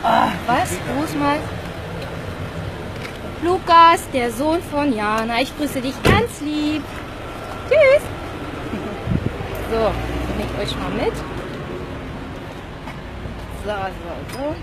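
Chatty giggly woman vlogging from the car, kinda high voice, car noise behind her. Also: sing-song, takes it slowly, long pauses. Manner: giggly, chatty, greets viewers by name. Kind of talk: casual vlog chat.

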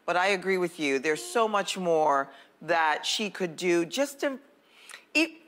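A woman speaks in a slightly low voice. She talks casually as a co-host on a studio panel show. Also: lively intonation, a little slow, a bit bright.

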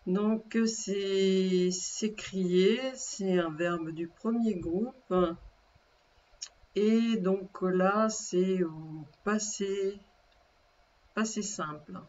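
A woman teacher giving a dictation lesson, speaking slowly and carefully, repeating and spelling words aloud. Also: medium pitch, fairly even intonation, darkish tone, dull audio.

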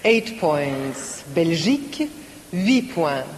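A woman presenting a live song contest, reading each score in English and then in French in a measured way. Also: sits low, very animated. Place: large concert hall. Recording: live broadcast from a concert hall with audience.

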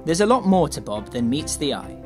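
Male reporter voice-over, fairly high pitch, scripted feature read, clear music bed. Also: sing-song, fairly quick. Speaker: reporter, narrator.

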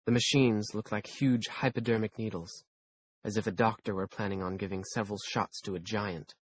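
A man reading a first-person audiobook aloud in a measured, dry storytelling manner. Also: on the low side, steady tone, husky. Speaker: audiobook narrator.

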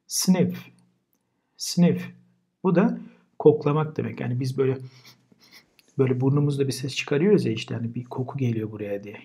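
Turkish guy teaching english words, says each one twice then explains, kinda husky. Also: mid-range voice, mellow. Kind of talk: vocabulary lesson.

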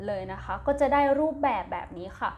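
In this slow recorded classroom lesson, a Thai-accented woman speaks at medium pitch, animated and a bit fast, with a faint hiss or hum behind her. She teaches primary English by spelling out words letter by letter, repeating each twice and then giving its meaning, always gentle and patient and ending phrases with polite particles.

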